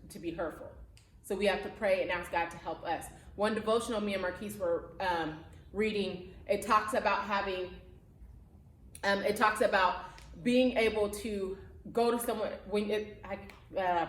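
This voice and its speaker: A woman preaches to young people in an echoey room. Her delivery is earnest and encouraging, with plain, conversational phrasing at a medium pitch, as a youth pastor talking straight to her listeners.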